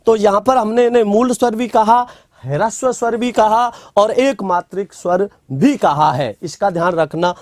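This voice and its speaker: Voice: mid-range voice, normal speed, a little mellow, no echo, clean studio sound. A teacher giving a classroom grammar lecture, asking rhetorical questions, answering them, and dictating notes word by word with repeats.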